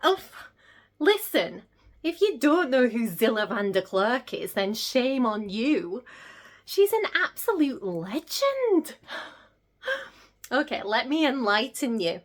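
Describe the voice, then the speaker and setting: A woman's voice: mid-range voice, a little slow, a bit bright, lightly acted. A woman playing a gushing gossip vlogger. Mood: gossipy. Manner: gushing, gossipy, breathless gasps and squeals. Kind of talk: comedic monologue.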